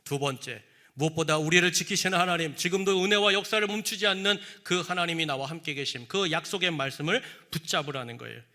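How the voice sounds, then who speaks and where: A man's voice: a little high, fast talker, pushed and bright. A man, a senior pastor, preaching a sermon emphatically to his congregation and acting out quoted speech.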